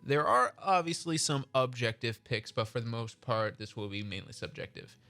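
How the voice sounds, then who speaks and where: Bright-voiced man co-hosting a chat. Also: mid-range voice, expressive, moderate pace. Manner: rambling, restarts, self-correcting. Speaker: podcast co-host. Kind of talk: casual chat.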